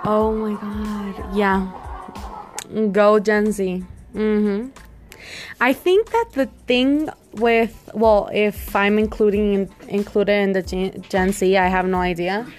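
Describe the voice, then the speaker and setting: A woman with a mid-pitched voice reacts casually to videos. She rambles slowly and gushes informally, with faint music behind her. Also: fairly even intonation.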